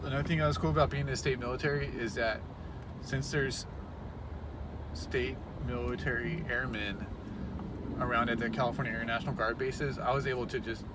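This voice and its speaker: Rambling man in his thirties, loud road noise. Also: mid-range voice, fairly even intonation, a little fast. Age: 30s. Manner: rambling, self-conscious, with many restarts. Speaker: vlogger. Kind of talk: casual talk to camera. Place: car stuck in traffic.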